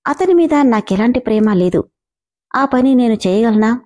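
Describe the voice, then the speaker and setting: Brief: a woman reading as a timid young wife, soft and pleading, mellow tone, storybook reading. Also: fairly high pitch, animated, normal speed, natural voice. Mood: anxious.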